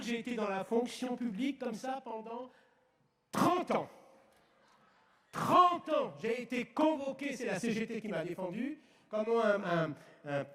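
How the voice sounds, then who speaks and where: High-voiced French preacher, echoey. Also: male voice, animated, moderate pace, darkish tone. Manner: emphatic, often raises his voice, tells anecdotes with humour. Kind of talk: lively storytelling sermon. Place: outdoors in woods at a festival.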